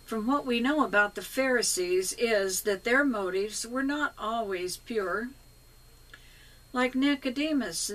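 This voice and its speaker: Older female lay preacher, slow deliberate scripture reading, webcam in small home office, slightly distant. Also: on the high side, fairly bright tone. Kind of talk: sermon reading.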